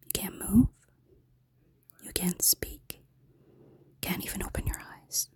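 A woman voicing a seductive, menacing female succubus in an erotic audio roleplay, in a slow, teasing, commanding whisper. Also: close to an everyday voice. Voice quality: soft, breathy whisper.

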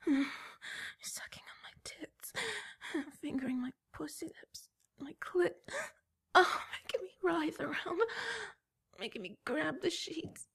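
Breathy whispering woman, high voice. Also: unhurried, pauses often, a bit bright. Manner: breathy whispering broken by moans. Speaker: erotic audio performer. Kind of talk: whispered erotic roleplay.

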